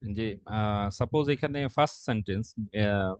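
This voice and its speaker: A man's voice: on the low side, moderate pace, a little mellow, smooth, no room sound. A man, a student in an online class, asking a long question hesitantly and searching for words.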